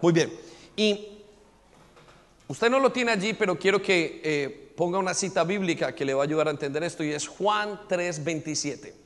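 A man's voice: on the high side, brisk, few pauses, a bit bright, long reverb tail. A man preaching a teaching sermon, emphatic, asking listeners to repeat after him and take notes.

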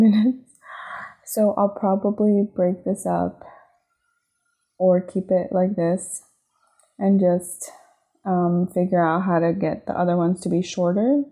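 A woman hosting her own podcast, talking gently and encouragingly in a reflective solo monologue, often asking "right?" and "you know". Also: on the low side, creaky. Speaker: podcast host. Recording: phone-like narrow sound.

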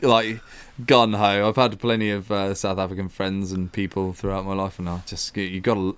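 This young co-host's voice is clear and resonant at a normal speed as he tells a story in casual podcast chat. He gets animated, acting out what others said and lifting his pitch for their quoted lines.

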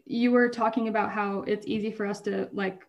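There is slight background noise as a woman with a mid-range, steady voice and some vocal fry speaks fairly quickly. She co-hosts a podcast, rambling casually, interrupting herself, and laughing while she shares hard stories.

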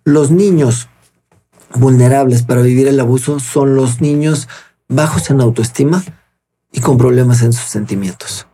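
A man's voice: medium pitch, moderate pace, mellow, breathy edge. A man speaks earnestly as an interview guest, explaining step by step and acting out quoted dialogue. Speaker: guest expert on child protection.

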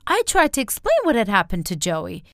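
A woman reads a dramatic first-person story with lively, swinging intonation. The sound is dry and close, with no room around her voice. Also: mid-range voice, brisk, no room sound. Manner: expressive storytelling, acting out quotes. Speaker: narrator. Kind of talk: scripted story narration.

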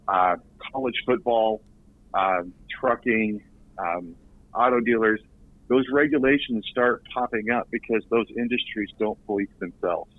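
A man's voice: lowish voice, dry recording. A man, a guest on a podcast interview, talking in an earnest way and often repeating words as he restarts. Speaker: recruiting director guest. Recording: tinny phone line.

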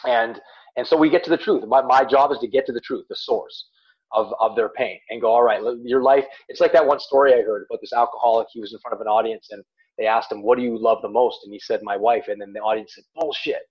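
A man's voice: mid-range voice, steady tone, fast, slightly rough, dull audio. A man speaking as a life coach in a podcast chat, emphatic and repeating words as he makes his points. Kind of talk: podcast guest talk.

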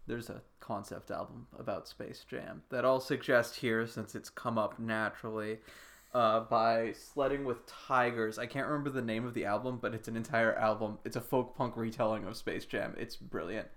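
A woman's voice: rumbling low, fairly even intonation, moderate pace. A woman co-hosting a podcast, trading dry, joking asides in casual chat. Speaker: podcast co-host.

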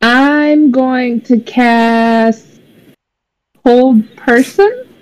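Woman player, high voice, very slow halting delivery. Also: steady tone, clear, resonant tone, poor audio. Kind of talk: casual tabletop play.

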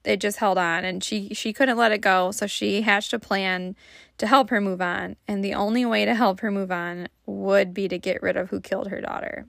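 Chatty Michigan woman with vocal fry. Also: mid-range voice, steady tone, moderate pace, a bit bright, no room sound, studio quality. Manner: chatty, lots of fillers and laughs. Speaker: podcast co-host. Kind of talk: casual storytelling chat.

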